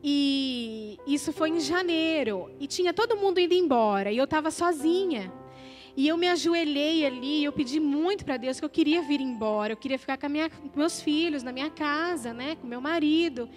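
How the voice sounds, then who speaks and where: A woman's voice: high-pitched, animated, normal speed, soft background music. A Brazilian woman giving an emotional, conversational testimony in a church service, often tagging her sentences with questions.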